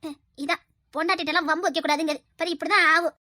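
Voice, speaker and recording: A woman's voice: very high-pitched, steady tone, very fast, pushed and bright, no room sound, clean studio sound. A woman playing a scheming mother-in-law who scolds her son, in a Tirunelveli Tamil accent. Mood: scolding. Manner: sly, scolding.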